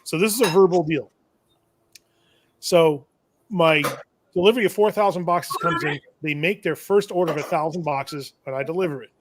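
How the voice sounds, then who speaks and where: Man, somewhat high pitch, casual rambling storyteller, self-correcting, wry. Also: normal speed, background noise. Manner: rambling, self-correcting, chuckles at own misfortune. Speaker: shop owner and tool vendor. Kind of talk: casual storytelling on a live show.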